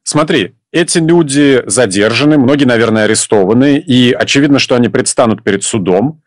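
A male news host asking measured, probing questions of a reporter. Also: mid-range voice, no room sound, studio quality.

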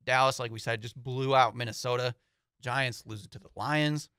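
A young man co-hosts a casual sports talk show, easygoing and rambling with fillers. He speaks at medium pitch and moderate pace in a pushed, bright, clear, resonant voice, using a boom-mounted studio mic and headphones. The small studio has foam panels and no echo.

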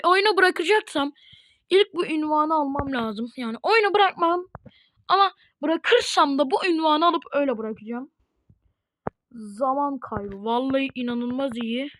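A woman at home chatting casually to her viewers while playing a game, chatty and prone to excited, dramatic outbursts. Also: high voice, a little slow, no room sound. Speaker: gaming video host. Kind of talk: casual gameplay commentary.

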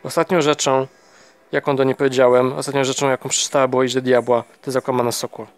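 A man's voice: medium pitch, little pitch movement, quick pace, clear, resonant tone, no room sound, natural voice. A man doing a distraught accused husband, raised and heated. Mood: bitter. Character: distraught angry young husband accused of murder. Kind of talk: audiobook character voice.

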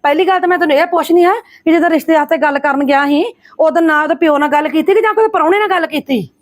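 A woman rattles off sharp scolding lines as an angry mother in a family drama. Her voice sits high and her pace is fast. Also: no echo, studio quality. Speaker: lead actress, angry mother. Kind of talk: scripted family drama acting.

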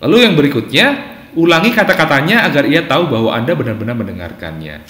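A man's voice: medium pitch, sing-song, fast, fairly bright tone. A man who is a psychologist, explaining parenting steps point by point in a talk and acting out short examples. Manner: acts out short parent and child exchanges in a raised voice. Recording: echoey, reverberant room.

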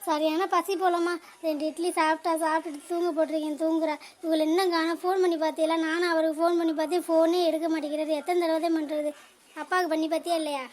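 A woman voicing an anxious young wife and mother in an animated cartoon, scolding and urgent. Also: extremely high pitch, fast. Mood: worried.

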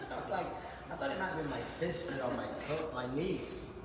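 Very animated, a fiftysomething hairdresser teaches a live haircut lesson at a moderate pace, chatting and cracking jokes as he cuts. His voice is fairly high and a little croaky, recorded on a nearby phone camera in a big, bright, echoey salon full of noise.

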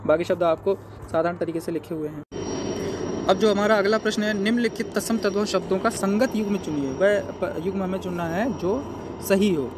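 High-voiced man tutoring Hindi exam questions. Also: brisk, background noise. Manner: explains step by step, asks and answers his own questions. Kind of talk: exam paper walkthrough.

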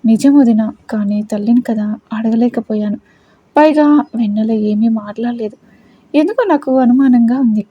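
A woman's voice: on the high side, moderate pace, husky, highs cut off. Woman voicing a worried, confiding mother. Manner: anxious, confiding. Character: worried caring middle-aged mother.

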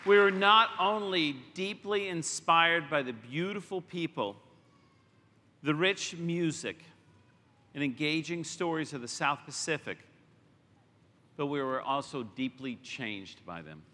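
A man's voice: on the high side, lively intonation, unhurried, sharp tone. A man in his fifties, a presenter, giving a proud, ceremonious stage introduction. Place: large indoor arena stage. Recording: reverberant arena sound.

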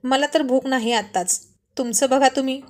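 A bossy young ringleader who teases and orders his friends about, as a woman narrator puts him on. His voice sits a little high and lively in the telling of the story. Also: normal speed, lightly acted. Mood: teasing. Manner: bossy, teasing, scolding.

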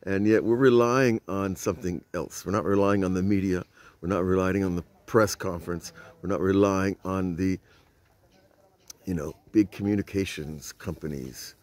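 Speaking at a normal speed, an older rabbi with a deep, steady, darkish voice teaches Torah informally outside at night near old stone walls. His phone-recorded talk, shot at arm's length, is conversational and peppered with rhetorical questions for his listeners.

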